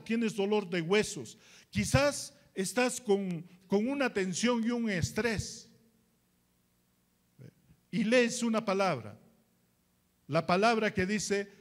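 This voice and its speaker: Male pastor, Peruvian Spanish accent, high voice, unhurried emphatic preaching with rhetorical questions. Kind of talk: sermon.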